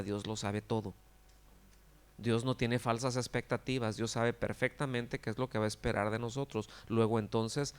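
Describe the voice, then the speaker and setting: Male pastor, mid-pitched, chatty preaching that keeps checking in with the congregation. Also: smooth. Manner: conversational preaching, frequent rhetorical questions; acts out quoted characters with exaggerated cries. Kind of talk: sermon.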